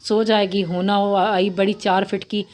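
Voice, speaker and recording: A sarcastic young man who is quick to irritation, as a woman reader puts him on. He talks in a sneering, mocking way, as in a storybook novel. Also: medium pitch, little pitch movement, darkish tone, natural voice.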